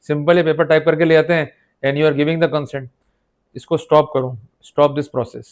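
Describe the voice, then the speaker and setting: With an Indian accent and a slightly high voice, a man lectures on law, his delivery flat and a little slow. He works through ideas emphatically, step by step, regularly quizzing students with brief questions and slipping in English phrases.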